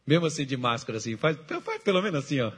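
A middle-aged man preaching a sermon as pastor, moving from hushed storytelling to shouted exhortation. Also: medium pitch, expressive, very fast, husky.

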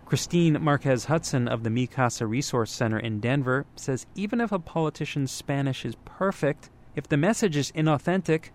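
A man's voice: medium pitch, normal speed, few pauses, a little hiss or hum. A man reporting a scripted radio news feature in a wry, conversational way. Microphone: studio mic.

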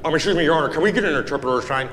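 A man in a comedy sketch who speaks hesitantly and fumbles his words. His pitch moves in lively swings. The sound echoes in a large hall with faint noise behind. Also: very fast. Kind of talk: comedy sketch, playing a nervous novice lawyer.

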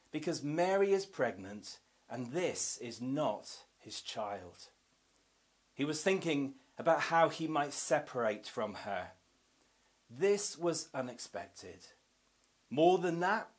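A man delivers a devotional Advent reflection in a slightly raised pitch, taking his time over every phrase. His measured, unhurried reading of scripture often sinks into soft, hushed tones. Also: sing-song.

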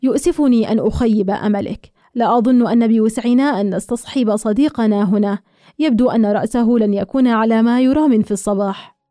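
A woman reading a sly, smooth young man. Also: a little high, fast talker, no echo, studio quality, natural voice. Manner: soft, knowing, chuckling.

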